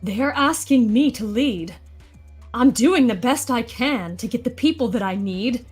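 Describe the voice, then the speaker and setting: Woman as cartoon bat lady, high voice, sassy, exclaiming, playful comic reading. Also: lively intonation, unhurried, breathy edge, faint music behind. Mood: playful, theatrical. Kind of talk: comic live storybook-style reading in character.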